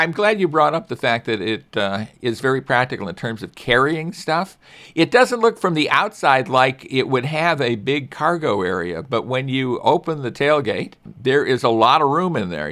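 A man's voice: medium pitch, fairly bright tone. Chatty older male car-show host. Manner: chatty, self-deprecating, many restarts. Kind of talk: casual car-review talk.

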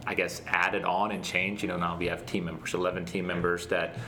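A man answering interview questions casually as a guest, speaking in an earnest, reflective and halting way. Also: deep voice, flat delivery, crowd noise. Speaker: interview guest, startup founder.

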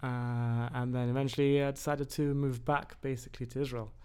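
A man's voice: mid-range voice, level tone, fairly quick, dark tone, clear, resonant tone. A man raised in England, a podcast guest who talks hesitantly with many fillers. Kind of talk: casual conversation.

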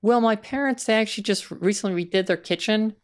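A woman talking in casual conversation, hesitant and halting, with many restarts. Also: mid-range voice. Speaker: guest.

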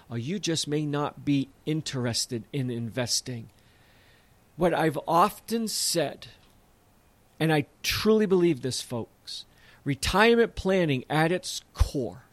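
A man in his fifties with a notably high voice holds forth as a podcast host. He talks bluntly and with emphasis, turning to his listeners as folks. The recording is close and dry, with no room sound. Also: no room sound. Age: 50s. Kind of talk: casual podcast monologue.

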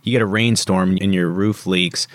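A man's voice: low voice, steady tone, normal speed, no room sound. A man hosting a podcast in an informal, conversational style. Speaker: podcast host. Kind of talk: casual conversation.

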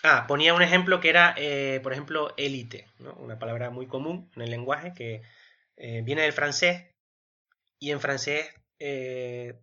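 A man co-hosting a casual podcast, explaining at length in a bright, forceful voice. He thinks aloud with fillers and keeps checking in with little tag questions. The recording is dull and lo-fi. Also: medium pitch, fairly even intonation, a little slow. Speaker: podcast co-host.

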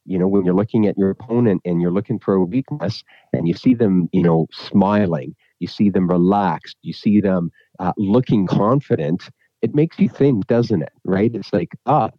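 A man's voice: sits low, dry recording, highs cut off. A man speaking as a podcast guest, thoughtful and hesitant, with many restarts. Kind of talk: conversational interview.

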